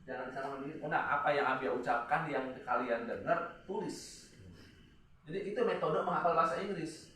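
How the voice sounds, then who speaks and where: A man's voice: a little high, slight background noise. Man teaching in an echoey classroom. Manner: joking, lively teaching with drawn-out spoken examples. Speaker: teacher at an Islamic boarding school. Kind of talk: classroom English lesson. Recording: echoey room, distant mic.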